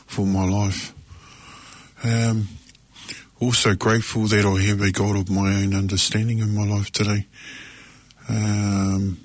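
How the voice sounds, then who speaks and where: A man speaks in a low register with little melodic movement. He shares personally and unscripted, halting often as he reflects. The sound is close and dry. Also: dry recording. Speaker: speaker sharing at a recovery meeting.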